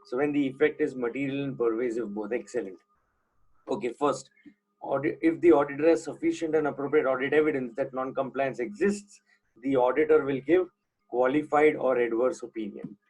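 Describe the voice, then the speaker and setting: A man's voice: mid-range voice, a little fast, a little mellow, husky, soft background music, poor audio. A man teaching an online class, putting questions to students and repeating the key points.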